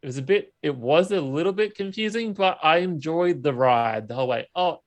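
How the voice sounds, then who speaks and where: A man's voice: fairly high pitch, animated, brisk. A man co-hosting a podcast, chatting casually and enthusiastically about a film and steering the conversation along. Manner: enthusiastic, steers the conversation, laughs while talking. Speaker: podcast co-host.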